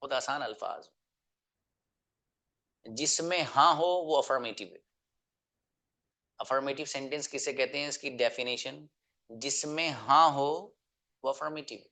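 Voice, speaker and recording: A man's voice: mid-range voice, normal speed, pauses often, pushed and bright. A male teacher gives an online lesson. He explains each point patiently, repeats it, and keeps putting questions to the class. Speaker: English teacher.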